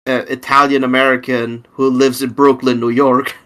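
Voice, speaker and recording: A man's voice: medium pitch, flat delivery, moderate pace, a bit bright. A man guesting on a podcast in casual chat, hedging and restarting his sentences often. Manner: hesitant, restarts and qualifies often.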